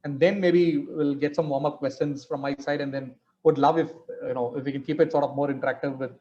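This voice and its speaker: Male moderator, Indian English accent, informal and rambling, mildly high-pitched, heard over a slightly lo-fi online call. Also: steady tone, fairly quick, warm tone. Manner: loose, rambling phrasing with "sort of" and "you know". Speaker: host, moderator. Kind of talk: informal online interview hosting.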